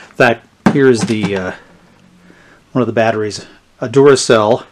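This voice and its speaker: The presenter of a vintage electronics channel gives a casual, unscripted product demonstration at a small indoor tabletop product-shooting setup. His voice is low, and he speaks haltingly, thinking aloud as he goes.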